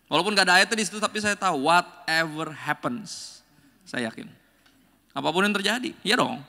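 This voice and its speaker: Bright, joking male pastor preaching. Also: high-pitched, brisk, gravelly. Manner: joking, slangy storytelling with acted-out quotes. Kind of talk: sermon.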